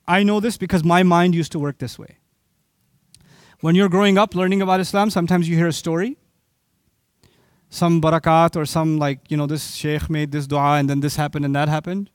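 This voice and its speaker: A man's voice: on the high side, fairly even intonation, a little fast, dry recording, clean studio sound. A man from Pakistan giving an impassioned sermon, often putting rhetorical questions to his audience. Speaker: Islamic preacher.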